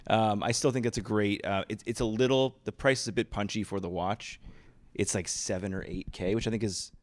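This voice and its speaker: A man's voice: on the low side, steady tone, fairly quick. A man on a podcast panel, talking in a hesitant way.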